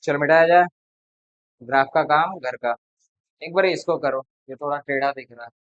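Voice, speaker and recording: A man's voice: on the high side, moderate pace, a bit bright, no room sound, muffled recording. A man tutoring a class, talking casually and bluntly to his students between problems. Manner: blunt, chatty, lecturing. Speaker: math tutor.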